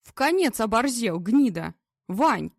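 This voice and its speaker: Audiobook: woman doing a slurring, foul-mouthed drunk general, lively swings in pitch, dry close sound. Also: unhurried, gravelly, no room sound, full character voice. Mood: drunk angry. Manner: slurred, coarse, swearing. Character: drunk, crude, bullying middle-aged male police general.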